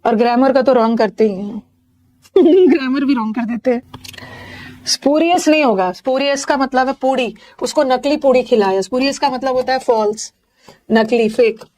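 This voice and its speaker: A woman's voice: sits high, a little fast, a little mellow. Indian woman teaching vocabulary in a live class. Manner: explains each word with jokes and Hindi memory tricks.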